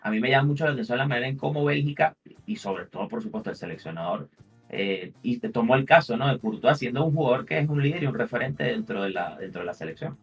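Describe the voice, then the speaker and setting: A man's voice: medium pitch, animated, fast, vocal fry, distant mic, faint music behind. A man giving casual football analysis as a commentator, in long winding sentences with repeated points of emphasis.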